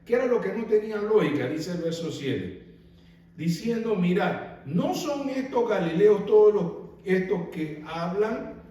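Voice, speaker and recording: Man preaching, high voice, animated rhetorical questions, very echoey church hall, mic far off. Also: unhurried. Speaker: pastor. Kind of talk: sermon. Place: church sanctuary.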